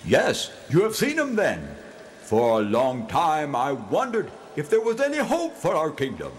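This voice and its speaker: A man's voice: fairly high pitch, huge pitch swings, unhurried, a little hiss or hum. A man playing a grand, kindly beast who was once a magistrate, with a theatrical cartoon bellow, in a children's audio drama. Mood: grave, remembering. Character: former magistrate turned big cave beast, grand and kindly.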